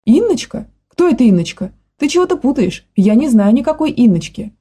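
A woman's voice: a little high, very animated, warm tone, a little hiss or hum, pitched above the performer's own voice. A woman reading the part of a frightened young nanny who speaks in a simple, folksy way. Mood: defensive. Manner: plain folksy talk, quick to panic.

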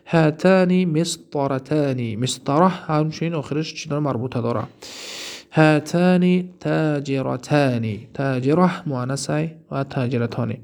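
Tajik man teaching, slightly high voice. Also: gravelly, darkish tone. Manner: reads Arabic examples slowly, then explains them quickly in Persian. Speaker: Arabic grammar teacher. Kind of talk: recorded classroom lesson.

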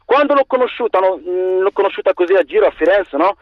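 A male phone-in caller with a Moroccan accent speaks haltingly in a slightly high voice, often repeating himself. The line is dull and dry. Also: lively intonation, no room sound. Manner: halting, repeats and restarts phrases. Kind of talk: spontaneous phone-in talk.

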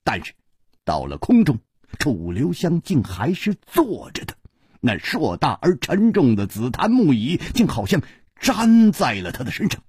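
A male storyteller narrates a wuxia tale with theatrical flair. His husky voice sweeps dramatically up and down at a slow, deliberate pace. The recording is dry and close. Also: mid-range voice, huge pitch swings, a little mellow, no echo. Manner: theatrical, with sweeping rises and falls.

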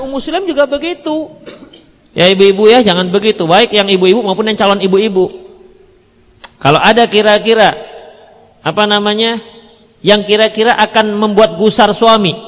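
A male religious teacher with a high voice gives a lively sermon-style lesson. He tells stories and acts out snatches of dialogue with joking asides. His voice rings through a hall with a long echo. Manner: animated storytelling, acting out quoted dialogue, joking asides. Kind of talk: sermon-style book study.

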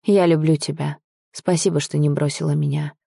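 A woman voicing a brooding young man in a wheelchair, gruff and bitter but tender. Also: low voice, steady tone, moderate pace, warm tone, no room sound, studio quality, exaggerated voice.

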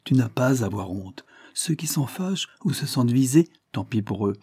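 A man voicing a shy, gentle teenage girl who speaks softly and earnestly. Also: mid-range voice, expressive, normal speed, breathy edge, no room sound.

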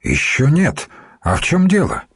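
A man voicing an elderly abbess who pleads in a raised, husky voice in an audiobook. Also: fairly high pitch, wildly swooping pitch, unhurried, no room sound, clean studio sound, voice pushed up, exaggerated voice. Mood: pleading. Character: woman, elderly abbess, anxious and deferential.

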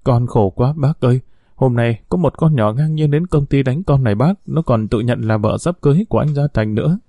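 A man's voice: mid-range voice, brisk, dark tone, no room sound, lightly acted. A man reading a storybook as a scheming young female secretary who whines and complains tearfully. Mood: whining.

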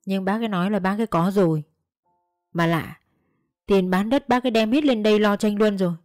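A woman narrates a first-person story in a steady, measured, earnest voice. The recording is dry and close-miked. Faint music runs quietly under her reading. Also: mid-range voice, no room sound.

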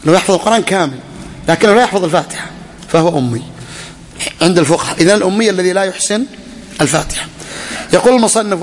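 A man teaching a class on a legal text, questioning his students and repeating key phrases. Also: high voice. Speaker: religious teacher. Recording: echoey hall.

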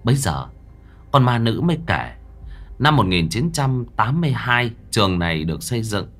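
A man's voice: medium pitch, big pitch swings, moderate pace, fairly bright tone, faint music behind. A man narrating a horror story in the first person with dramatic, vivid delivery.

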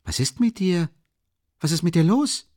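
Worried loyal young friend, urgent and questioning, voiced higher, as a man puts him on; dry studio storybook read. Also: very animated, a little fast, slightly rough, no room sound. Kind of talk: audiobook character reading.

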